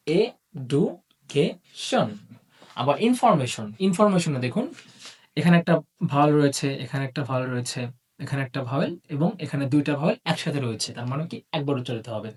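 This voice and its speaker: An English teacher giving an online video lesson, posing questions to the class and answering them, and drawing out example words slowly. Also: medium pitch, lively intonation, slightly rough, recorded from a distance. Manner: drawls target words slowly.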